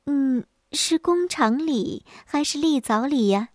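A woman voicing a jealous, blunt, dim-witted young wife in a storybook tale, speaking sharp and stubborn. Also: high voice, slow, dry recording, studio quality.

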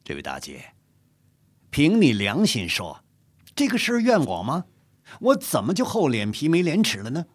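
A man voicing a quick-witted, playful general who banters in a storybook. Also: mid-range voice, wildly swooping pitch, full character voice. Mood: teasing. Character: quick-witted teasing male general, middle-aged.

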